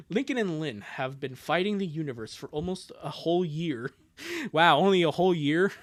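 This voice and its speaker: A livestreamer reads fan fiction for laughs in a mid-range voice with lively intonation and a moderate pace. Crude jokes, sarcasm and exasperated outbursts punctuate the reading throughout.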